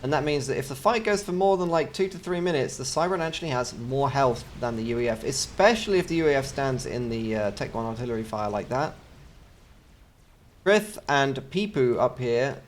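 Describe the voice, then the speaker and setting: A man's voice: mid-range voice, animated, a little fast, slight background noise. An English man casting a strategy video game in a chatty way, with joking asides between the play-by-play. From England. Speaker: game caster.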